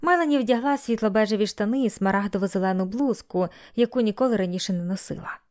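Female audiobook narrator, steady and even, plain scripted reading. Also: medium pitch, fast.

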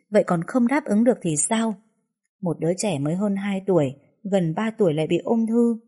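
A woman narrating a first-person story in a soft, sorrowful way. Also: mid-range voice.

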